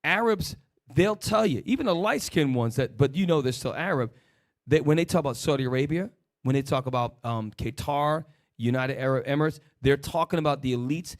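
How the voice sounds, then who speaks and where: A man with a medium-pitched voice talks fairly quickly as he leads a religious discussion, rattling off rhetorical questions and short directions to an assistant.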